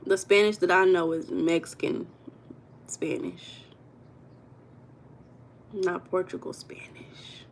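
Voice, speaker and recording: A woman's voice: fairly low pitch, steady tone, slow pace, gravelly, long pauses, slight background noise. American woman, livestream host, casual and chatty, talks straight to her viewers. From United States. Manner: chatty, addresses viewers as y'all, reads comments aloud.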